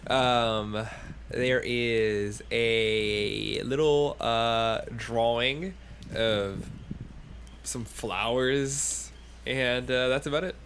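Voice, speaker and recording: A man narrating as game master of a tabletop game over a voice call, describing scenes slowly with frequent fillers. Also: medium pitch, a bit bright, a little hiss or hum. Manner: unhurried, halting scene description with many fillers.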